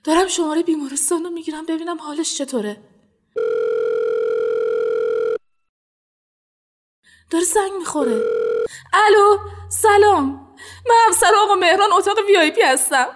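A woman voicing a distraught young wife who is crying, talking fast and breathless in an audiobook drama. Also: very high-pitched. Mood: sobbing, frantic. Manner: breathless, rushed, tearful.

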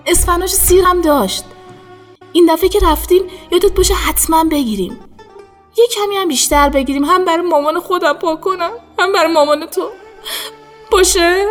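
A woman's voice: a little high, faint music behind, lightly acted. An actress playing a devoted middle-aged wife who speaks tenderly to her husband, sometimes close to tears. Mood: tearful, longing. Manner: tender, tearful pleading.

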